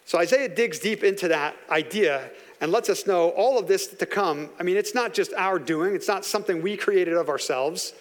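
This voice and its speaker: A man with a high, light voice preaches a sermon, earnest and conversational. He slows right down to lean on his key lines. The sound carries a long reverb, as in a large hall. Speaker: pastor.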